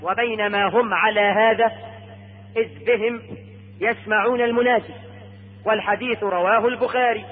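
A male Egyptian preacher giving a sermon, telling the story with drawn-out, emphatic lines. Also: high-pitched, steady tone, narrow, tinny audio. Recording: echoey hall over radio broadcast.

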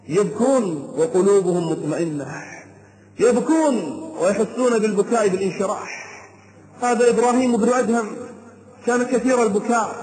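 A man preaching an emotional sermon, swinging between hushed and raised delivery and chanting verses melodically. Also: very high-pitched. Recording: echoey room.

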